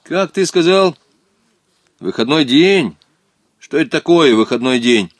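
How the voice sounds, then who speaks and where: A man voicing a stubborn, fiery street boy who talks in a sharp, mocking, challenging way. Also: mid-range voice, animated, moderate pace, dry recording, natural voice.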